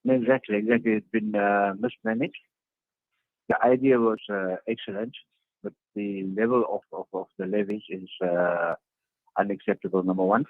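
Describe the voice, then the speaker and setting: A man's voice: lowish voice, fairly even intonation, normal speed, dry recording. A man, a party councillor, answering interview questions earnestly over a video call and repeating his points for emphasis. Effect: heard over a video call. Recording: tinny, dry video-call line.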